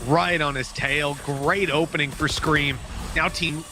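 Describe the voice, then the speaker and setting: A man giving excitable play-by-play commentary on an esports match. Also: a little slow. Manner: excitable, pitch climbs sharply in big moments. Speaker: esports caster. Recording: broadcast with game noise behind.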